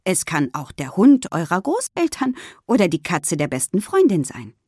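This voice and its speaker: Woman as a patient teacher, gentle, indulgent, clear dry storybook reading. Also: fairly low pitch, wildly swooping pitch, moderate pace, dry recording, exaggerated voice. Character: patient, kind female schoolteacher.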